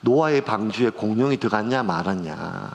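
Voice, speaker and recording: With a lowish, creaky, expressive voice at normal speed, a middle-aged male pastor gives a conversational sermon that swings strongly in emotion. The sanctuary adds a long reverb.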